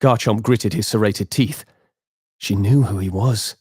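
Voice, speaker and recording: A man with a fairly low voice tells a dramatic tabletop epilogue at a measured pace. The sound is dry and close, with no room around it. He reads it as game master, in a scripted style. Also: a little mellow, husky, dry recording.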